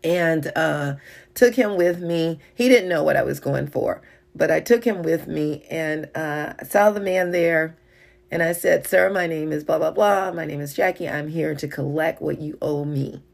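Woman, low voice, gravelly, middle-aged, informal devotional talk, chatty storytelling. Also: moderate pace. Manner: conversational, many fillers, tells personal stories.

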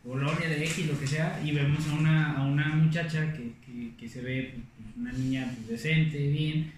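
A man's voice: a little high, steady tone, normal speed, slight background noise. A man in casual chat who laughs often and jumps in with comments. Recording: very echoey room.

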